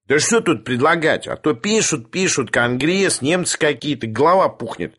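A man voicing a crude, brash young oaf who was once a dog, in a storybook reading, coarse and whiny, with a raised, husky voice that climbs high and squeals when cornered. Breathy edges run through every line. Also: animated, normal speed, a bit bright. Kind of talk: audiobook character voice.

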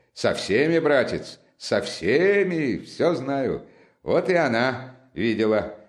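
A man voicing an excitable, talkative young man who rattles on with teasing, boastful animation in an audiobook. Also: medium pitch, pitched above the performer's own voice, lightly acted. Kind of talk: audiobook character reading.

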